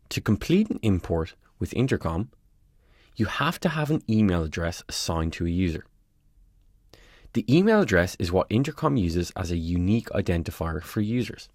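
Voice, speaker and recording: A man with a deep, darkish voice presents a scripted tutorial, giving clear step-by-step instructions. The voice-over is close and dry, with no room sound.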